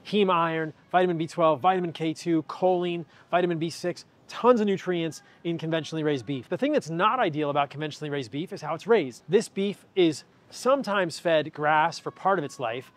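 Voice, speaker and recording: A man in his forties with a somewhat high voice talks with energy and emphasis, walking through the aisles of a large indoor grocery store. He speaks into a clip-on lapel mic in the manner of an on-camera explainer. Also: a little fast, few pauses. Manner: energetic and emphatic, gesturing while holding products. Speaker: health educator and video host.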